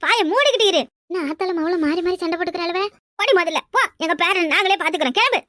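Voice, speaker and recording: Woman doing a sharp-tongued cartoon granny. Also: very high voice, lively intonation, fast, dry recording, studio quality, full character voice. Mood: scolding. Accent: Tirunelveli Tamil. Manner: scolding, nagging. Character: quarrelsome old grandmother, sharp-tongued.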